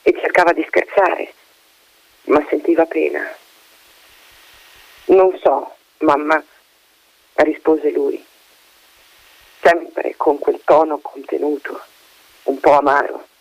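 Slow gravelly male narrator. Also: a little high, level tone, dry recording. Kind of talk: dramatic literary reading. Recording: dull lo-fi radio recording.

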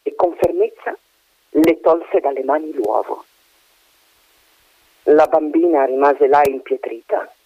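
A man reading a story aloud in an animated way, putting on voices for the characters. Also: on the high side, slow pace, long pauses, slightly rough, dry recording. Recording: dull dry recording.

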